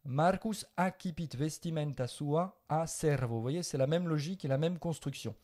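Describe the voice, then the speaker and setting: Patient French-speaking Latin teacher, mellow voice. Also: male voice, a little high, moderate pace. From France. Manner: patient, explains and corrects, mixes Latin and French. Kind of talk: spoken language lesson.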